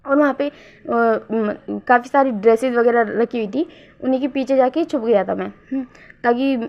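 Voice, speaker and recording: A shy, secretive young man, as a woman reading a story puts him on, stumbling and repeating himself. The voice sits high, and the recording sounds dull and lo-fi. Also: normal speed, close to an everyday voice. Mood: bashful. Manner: hesitant, repeats words.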